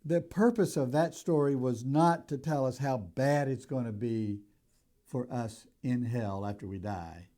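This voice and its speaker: An older man preaching a sermon in a deliberate, emphatic way, stressing key words as he teaches. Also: medium pitch, warm tone. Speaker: pastor.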